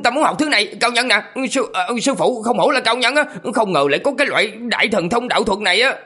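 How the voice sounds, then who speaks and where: A shrill, bright-voiced madman, boastful and childlike, rattling along fast. The voice is pitched far above a man's normal range, tense and a little husky, full of giddy excitement. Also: full character voice. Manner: giggly, boastful, wheedling high voice. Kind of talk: audiobook character voice.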